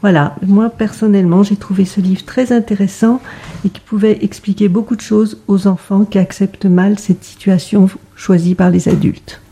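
A woman talks through a children's book in a calm, explanatory way. Her voice is mellow and soft-edged, at a medium pitch. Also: normal speed, husky. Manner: calm, explanatory, some fillers. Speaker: book presenter. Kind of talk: presenting and reading from a children's book.

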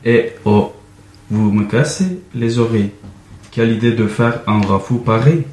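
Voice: mid-range voice, unhurried, darkish tone, recorded from a distance, lightly acted. A man voicing grumpy storybook farm animals. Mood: indignant. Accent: Turkish. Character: grumpy farm animals woken too early. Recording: roomy with faint background noise.

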